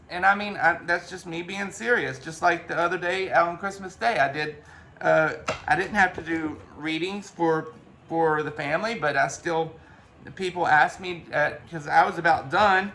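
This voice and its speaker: A man's voice: fairly high pitch, gravelly, sharp tone. A man giving a casual spiritual talk as a reader, rambling along with frequent restarts and the odd swear word.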